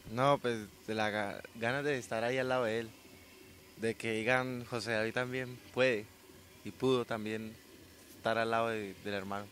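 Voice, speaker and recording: A sixteen-year-old young man from Colombia, a weightlifter answering interview questions outdoors into a handheld mic, soft-spoken and modest. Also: mid-range voice, fairly even intonation, moderate pace, slight background noise. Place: outdoors by a sports ground. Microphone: handheld reporter mic.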